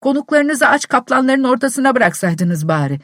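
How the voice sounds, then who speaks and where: A woman voicing a polite, fussy young gentleman tenant who speaks formally, a little indignant. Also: sits high, big pitch swings, normal speed, no echo, clean studio sound, voice pushed up.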